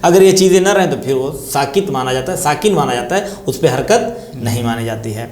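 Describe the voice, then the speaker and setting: A man's voice: medium pitch, animated, darkish tone, reverberant. A man with an Indian Urdu accent teaching tajweed, patiently repeating key terms and asking and answering his own questions. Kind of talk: religious lesson explanation.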